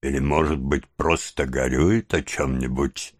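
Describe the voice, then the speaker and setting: A man voicing a sly, secretive old male fence, speaking low and hushed with a drawn-out, scheming tone. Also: lively intonation, dry recording, studio quality, full character voice.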